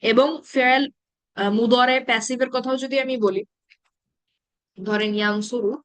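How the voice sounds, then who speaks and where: A woman with a fairly high voice leads an online grammar lesson. She talks patiently, keeps checking that her students follow, and recites verb forms one by one. The recording sounds close and dry. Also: fairly even intonation, no echo. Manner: patient, checks understanding often, recites verb patterns slowly. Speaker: Arabic grammar teacher. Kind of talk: live online class teaching.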